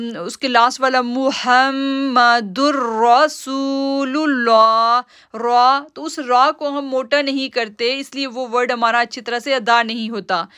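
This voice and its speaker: High, bright-voiced woman teaching recitation. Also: clean tone, no echo, studio quality. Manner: patient, step-by-step explaining, drawn-out slow recitation of words. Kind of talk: live-streamed tajweed lesson.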